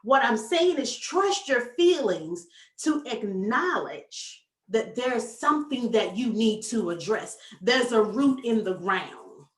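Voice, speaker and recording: A woman success coach giving a motivational talk, animated and folksy, addressing the audience directly. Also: fairly high pitch, takes it slowly, distant mic. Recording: echoey room, voice from off mic.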